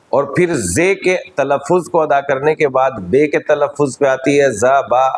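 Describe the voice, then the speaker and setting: A man with an Indian Urdu accent, a cleric giving a measured, teacherly religious lecture at a majlis. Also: on the high side, a little mellow, rough recording.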